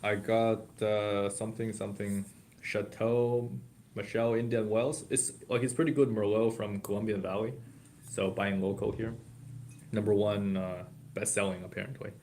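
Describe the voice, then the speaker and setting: A man's voice: fairly low pitch, steady tone, moderate pace, a little mellow, slight background noise. A man guest on a podcast, rambling with lots of fillers in casual banter.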